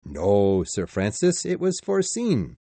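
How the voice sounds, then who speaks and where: A man voicing a composed English gentleman traveler who speaks in a measured, confident way. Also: fairly low pitch, wildly swooping pitch, no room sound, full character voice. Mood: calm.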